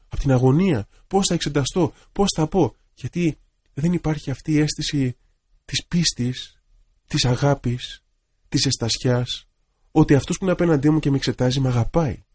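A man, an Orthodox priest, giving a radio sermon in a gentle, reflective storytelling manner. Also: on the high side, slightly rough.

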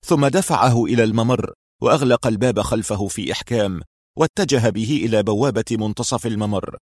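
A man narrates a thriller audiobook in a dramatic, suspenseful manner. His voice is mid-pitched. The recording is dry and close, with no room sound. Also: darkish tone, no echo.

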